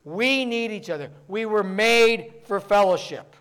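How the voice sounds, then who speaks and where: Quick-talking higher-voiced male pastor. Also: expressive, a bit bright, clean tone. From northern United States. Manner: fast-talking, joking asides. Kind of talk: sermon.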